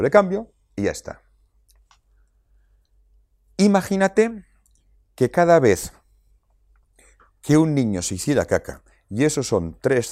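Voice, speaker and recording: A man's voice: lowish voice, a little mellow, dry recording, clean studio sound. A man with a Spain Spanish accent giving a talk to parents, emphatic and repeating his points for effect. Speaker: parenting speaker. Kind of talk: lecture to parents.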